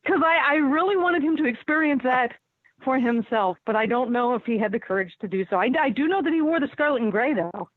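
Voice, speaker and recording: A woman guest reporter talks sports over a tinny phone line, her voice fairly high and very dry. She lays out her analysis in a measured way, then eases into an anecdote, every word narrowed by the phone. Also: animated, no echo.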